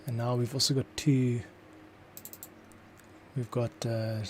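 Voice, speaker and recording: A man's voice: mid-range voice, little pitch movement, slow, a little hiss or hum. A man, a composer, talking through his scoring process as he works, thinking aloud. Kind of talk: thinking aloud tutorial commentary.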